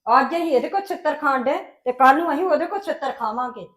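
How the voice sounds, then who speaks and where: A woman playing an older grandmother who grumbles and complains with a sharp tongue, in an amateur family drama. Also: sits high, lively intonation, fast. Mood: grumbling. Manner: scolding, gossipy complaint.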